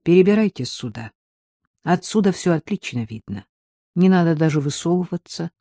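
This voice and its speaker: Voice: medium pitch, expressive, normal speed, dark tone, no echo, clean studio sound. The audiobook narrator voicing Maleev, a tense man in hiding who speaks tersely. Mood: grim. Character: tense male fugitive hiding in rocks.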